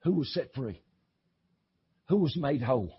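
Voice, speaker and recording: A man preaching an impassioned sermon, swinging from shouting to low, intense talk. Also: big pitch swings, unhurried, slightly rough, dull audio. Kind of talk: fiery sermon.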